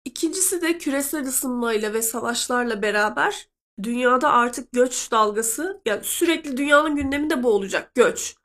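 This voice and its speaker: A woman's voice: high-pitched, animated, normal speed, fairly bright tone. A woman from Turkey with a nasal, congested voice from a cold, chatting casually to her listeners as host. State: sick with a cold. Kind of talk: casual chat to listeners, translating a clip aloud.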